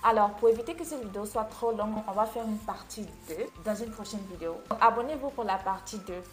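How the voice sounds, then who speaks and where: A woman's voice: mid-range voice, quick pace. Woman, English coach, playful teasing video lesson, faint music under. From Côte d'Ivoire.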